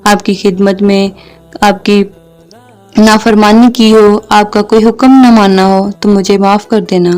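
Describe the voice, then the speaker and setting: A woman voicing a gentle, patient young mother near death, speaking tenderly and tearfully. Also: medium pitch, little pitch movement, clean tone, lightly acted.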